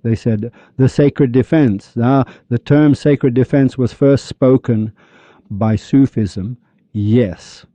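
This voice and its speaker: A man's voice: medium pitch, slow pace, dark tone, no echo. A man from Iran explaining points in an insistent, lecturing way during a discussion. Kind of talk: explanatory talk. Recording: dull lo-fi recording.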